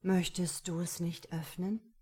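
A woman voicing a gentle, teasing man courting a young woman, speaking low and murmuring in an audiobook. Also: little pitch movement, unhurried, slightly rough. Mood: tender. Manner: soft, low, murmuring delivery. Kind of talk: audiobook character reading.

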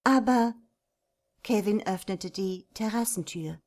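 A woman reading a romance novel aloud in a measured, even storytelling voice. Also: mid-range voice. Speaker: narrator. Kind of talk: scripted audiobook narration.

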